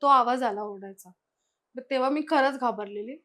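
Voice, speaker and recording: Chatty woman telling a story, slightly high. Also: normal speed, a bit bright. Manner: chatty, retells events with lots of quoted dialogue. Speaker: guest sharing personal experiences. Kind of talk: casual spoken storytelling.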